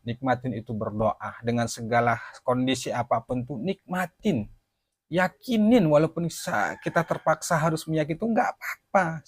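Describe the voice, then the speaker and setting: A man's voice: medium pitch, no room sound, studio quality. A man giving an earnest, repetitive religious talk in a casual, conversational way. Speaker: religious speaker.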